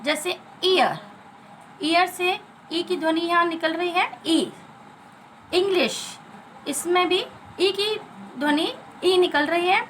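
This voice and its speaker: A woman's voice: very high-pitched, fairly even intonation, unhurried, fairly bright tone, a little hiss or hum, rough recording. An Indian woman teacher giving a phonics lesson to children, spelling out letters and repeating each sound.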